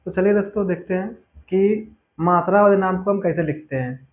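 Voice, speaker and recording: A man teaching a spelling lesson, patiently repeating each word slowly for his students. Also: high-pitched. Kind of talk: spelling lesson over a board. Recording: tinny phone-like audio.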